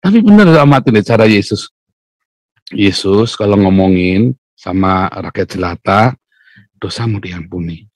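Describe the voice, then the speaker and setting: A male pastor, preaching a lively morning devotional sermon, loudly acting out quotes and laughing often. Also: lowish voice, a little slow, pauses often, dry recording.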